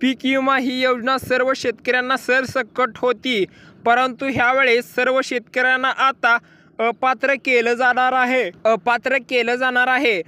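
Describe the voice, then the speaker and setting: Brief: Marathi-accented male host of a farm news video, very high, crisp voice that barely moves, repeats his points. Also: level tone, measured pace, sharp tone. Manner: repetitive, addresses listeners as farmer friends. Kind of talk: informal news explainer for farmers.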